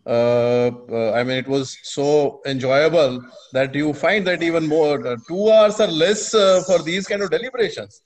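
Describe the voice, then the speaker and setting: A man's voice: a little high, normal speed, hardly any pauses, rough recording. An older man with an Indian accent giving an informal, hesitant vote of thanks on a video call. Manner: hesitant, rambling. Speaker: webinar participant giving thanks. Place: living room at home, video call. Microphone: wired earphones.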